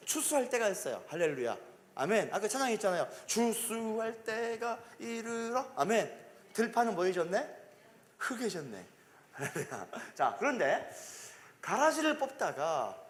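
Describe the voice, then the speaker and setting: High-pitched guy preaching, swoops up and down a lot, echoey church hall. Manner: emphatic, call-and-response, repeats phrases. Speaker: pastor. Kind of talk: sermon. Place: church sanctuary. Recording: long reverb of a church hall.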